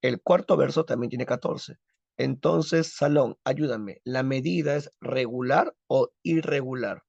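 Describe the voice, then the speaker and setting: A man's voice: medium pitch, measured pace, gravelly, a little mellow, husky, no echo. A man teaching a literature class, who drills the students with questions and answers them himself. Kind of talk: recorded class lesson. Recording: dull lo-fi, dry.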